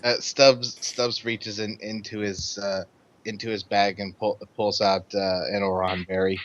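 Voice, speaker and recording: A man's voice: fairly low pitch, level tone, unhurried, fairly bright tone, lo-fi sound, a little hiss or hum. A man who is a player in a tabletop role-play game and keeps laughing as he describes his character's actions. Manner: giggly, laughs often.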